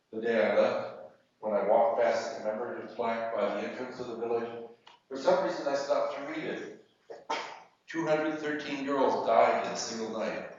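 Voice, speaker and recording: A man reading aloud the words of a woman who recalls her home village, in a plain, quick read-out manner, heard from a distance in an echoey hall. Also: mid-range voice, a little mellow, dull audio, lightly acted.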